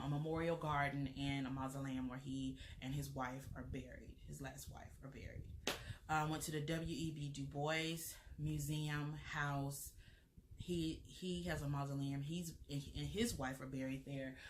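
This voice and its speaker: A woman's voice: low voice, steady tone, unhurried, a little hiss or hum. A young American woman with an American accent, chatting casually as a travel vlogger, rambling with lots of fillers and restarts. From United States. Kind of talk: casual chat.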